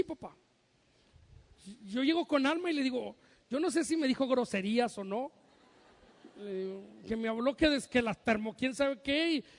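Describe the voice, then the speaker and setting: High-voiced pastor, reverberant hall. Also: male voice. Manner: humorous, acts out parents' and sons' voices. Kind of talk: sermon.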